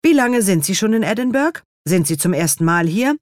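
A woman voicing a cheerful, teasing young man with a lively questioning tone, in an audiobook reading. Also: mid-range voice, moderate pace, dry recording, clean studio sound, voice pushed up, close to an everyday voice.

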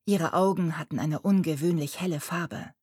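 A woman narrating a children's audiobook in a calm, even storytelling manner, recorded close on a studio microphone. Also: deep voice, normal speed, slightly rough, dry recording.

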